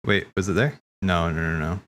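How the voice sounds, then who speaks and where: A man with a low, somewhat bright voice hosts a casual watch party, talking at a moderate pace. He rambles and thinks out loud in slangy commentary while video game cutscene music plays in the background.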